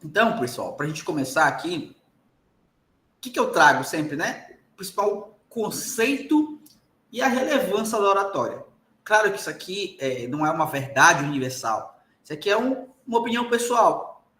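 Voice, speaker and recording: A man's voice: high-pitched, very animated, moderate pace, bright, forceful tone, roomy sound. A man with a Brazilian Portuguese accent giving a recorded lecture to law students, emphatic and often checking in with the class.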